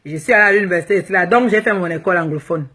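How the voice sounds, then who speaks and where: A woman's voice: fairly low pitch, racing, fairly bright tone. A woman from Cameroon with a Cameroonian French accent, a fashion blogger answering viewers' comments live in a frank, teasing way and slipping English phrases into her French. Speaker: plus-size fashion blogger.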